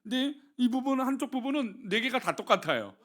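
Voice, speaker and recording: A middle-aged man from Seoul, a senior pastor preaching a sermon and talking with his congregation. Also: a little fast. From Seoul, South Korea. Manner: animated preaching, asks the congregation questions, drops low for blessings.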